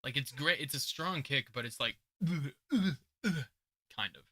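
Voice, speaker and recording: A young man hosting his channel and judging beatbox entries in casual reaction commentary, chatty, laughing often, and shifting between mumbled asides and loud remarks. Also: mid-range voice, measured pace. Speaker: beatbox judge and channel host. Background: beat music playing.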